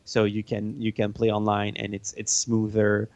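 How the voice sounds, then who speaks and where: A man speaking casually as an interviewed game developer, halting and often searching for words. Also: lowish voice, monotone, a little mellow. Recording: roomy, band-limited dull sound.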